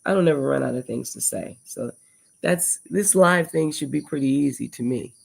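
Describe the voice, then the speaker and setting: An older American woman with a very deep, slightly mellow voice and vocal fry speaks at a moderate pace. Hosting a casual livestream indoors at home before dawn, she rambles reflectively through long lists of thoughts.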